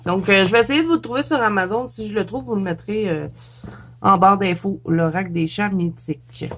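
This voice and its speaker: A woman's voice: medium pitch, a little fast, a little hiss or hum. A middle-aged woman with a Quebec French accent, chatting casually in a show-and-tell vlog, laughing often and tripping over her words. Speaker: YouTuber.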